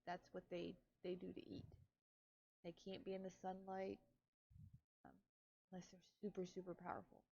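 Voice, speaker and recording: A woman's voice: on the low side, monotone, moderate pace, creaky, long pauses, mellow, highs cut off. A woman playing a tabletop role-playing game, talking casually as a player.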